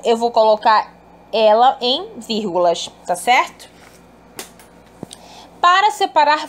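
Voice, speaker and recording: A woman teaching an online class, explaining patiently and checking in with her students as she goes. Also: fairly high pitch. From Brazil. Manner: patient, explanatory, uses tag questions and affectionate asides.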